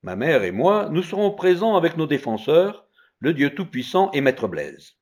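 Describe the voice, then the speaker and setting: A man voicing the boy seer Merlin, bold, accusing and solemn, in loud pressing declamation. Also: fairly high pitch, sing-song, moderate pace, pitched above the performer's own voice. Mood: insistent.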